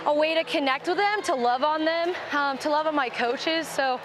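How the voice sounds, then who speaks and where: A young woman softball player, mic'd up in the field during a live game, talking brightly and a little out of breath. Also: high-pitched, normal speed. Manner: bubbly, upbeat, cheers teammates mid-play. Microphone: wireless body mic. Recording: noisy outdoor ballpark mic.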